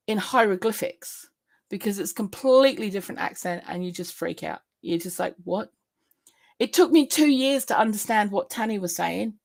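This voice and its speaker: A woman hosting a casual live stream, chatting in a rambling way, laughing often and answering viewer comments. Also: mid-range voice.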